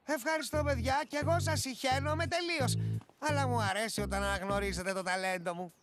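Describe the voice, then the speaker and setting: A man voicing a boastful teenage prankster boy in a cartoon dub. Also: extremely high pitch. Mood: smug. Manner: boastful, self-satisfied. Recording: loud cartoon music behind.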